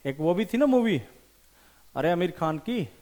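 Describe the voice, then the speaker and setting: A man teaching English vocabulary for competitive exams, animated and repeating key words slowly for emphasis. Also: high-pitched. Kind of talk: vocabulary lesson with memory tricks.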